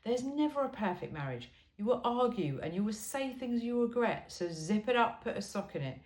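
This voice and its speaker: Her voice is a little high and slightly mellow, expressive, and paced at normal speed as she reads a funny self-help book aloud. She's casual, wry and emphatic, with chatty asides, and the audio echoes as if in a large room.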